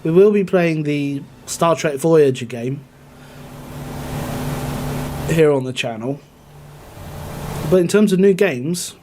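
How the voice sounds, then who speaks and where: A man's voice: fairly high pitch, takes it slowly, long pauses, a little mellow, a little hiss or hum. A man chatting casually on a gaming live stream, rambling and answering his chat.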